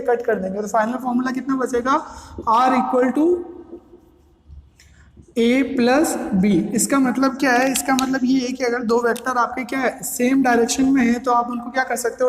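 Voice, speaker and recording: A man lecturing on physics, asking questions and then answering them himself as he walks through each step. His voice rings out in a roomy space with a long, trailing reverb. The pacing is repetitive and methodical, built for a classroom. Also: very high voice. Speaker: physics teacher. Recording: echoey room with long reverb.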